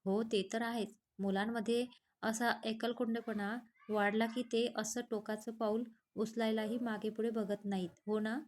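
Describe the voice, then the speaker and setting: A woman reading as a gruff young doctor. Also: on the high side, flat delivery, measured pace, darkish tone, lightly acted. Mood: calm. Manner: curt, scolding. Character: young man, calm psychiatrist, gruff and protective.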